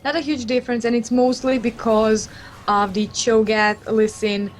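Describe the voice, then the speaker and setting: A woman's voice: a little high, level tone, normal speed, slight background noise. A woman co-commentating an esports match, teasing in tone, breaking down the plays. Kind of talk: analytical game commentary.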